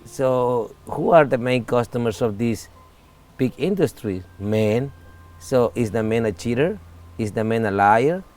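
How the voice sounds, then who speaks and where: A Salvadoran man in his forties speaks candidly in a casual interview, his mid-range voice slightly mellow and lively in intonation. He comes across as earnest, though his English is halting and non-native.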